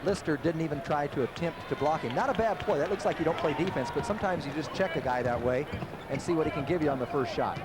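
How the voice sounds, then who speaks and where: A man giving relaxed, conversational basketball analysis as the color commentator. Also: fairly high pitch, quick pace, heavy background noise.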